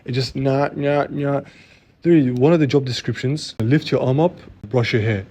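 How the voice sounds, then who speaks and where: A young man chatting casually as co-host, telling stories in slangy, animated talk. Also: mid-range voice, a little fast, slightly rough. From Australia. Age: young adult. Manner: slangy, animated storytelling with lots of "bro" and "like". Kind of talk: casual chat.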